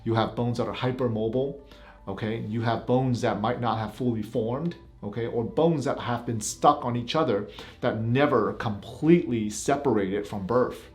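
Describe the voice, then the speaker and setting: A man's voice: medium pitch, moderate pace. A middle-aged man, a physician, reacting to clips in a casual commentary, giving blunt warnings with a half-joking edge.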